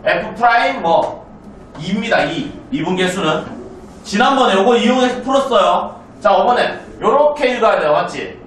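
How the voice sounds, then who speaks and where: Man, high voice, math teacher, classroom lecture, keeps asking students to confirm, echoey room, distant mic. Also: expressive, a bit bright, slight background noise. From South Korea. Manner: asks students frequent check questions, brisk and chatty. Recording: roomy classroom, mic far off.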